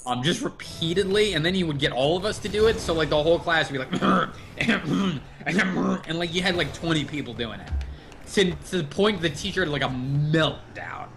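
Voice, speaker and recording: A male podcast host chatting casually, his voice swinging widely in pitch as he tells a story. He curses freely and drives the conversation with loose, animated energy. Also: a little fast, over music. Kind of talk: casual chat. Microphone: livestream podcast mic.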